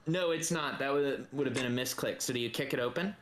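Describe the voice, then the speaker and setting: A man serving as dungeon master for a tabletop game describes rooms in a relaxed way, using plenty of fillers. He talks fast at a medium pitch.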